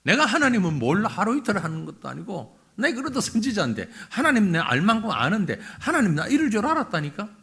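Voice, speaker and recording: Guy putting on a grumpy prophet, whiny and petulant, high voice jumping all over. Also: sing-song, fast, vocal fry, hardly any pauses, bright, forceful tone, exaggerated voice. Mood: sulky. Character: sulking grown male prophet, resentful.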